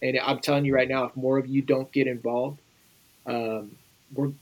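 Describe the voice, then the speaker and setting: A man's voice: mid-range voice, flat delivery, normal speed, muffled recording. A middle-aged American man speaking as a guest in a podcast interview, earnest and urgent, talking straight to the listeners. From United States.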